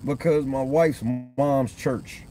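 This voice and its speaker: A man in his thirties hosts a livestream from a parked car at night, talking into a phone on the dashboard in loose, profane, rambling chat. His mid-range voice is steady and dark, and he speaks slowly. A little hiss or hum sits under the audio.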